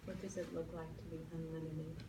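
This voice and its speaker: A gentle, lowish female voice guides a meditation for a group. She speaks soothingly in short phrases with long pauses between them. The recording is distant and echoey, with clear background noise. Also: level tone. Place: room with a seated live group. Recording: roomy, distant mic, clearly noisy.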